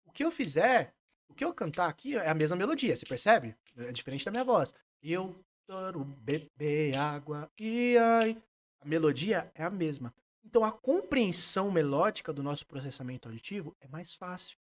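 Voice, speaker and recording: A man with a Brazilian Portuguese accent, a music therapist being interviewed, explaining his work in a lively way and breaking into short sung examples. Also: a little high, fairly quick, slight background noise. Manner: animated, demonstrates by singing snippets.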